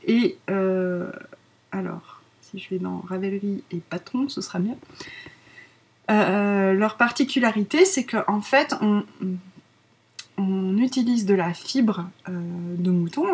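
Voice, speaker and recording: A woman's voice: medium pitch, slightly rough. A woman in her thirties with a French accent, hosting a craft podcast in a giggly, rambling casual chat full of fillers. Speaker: podcast host.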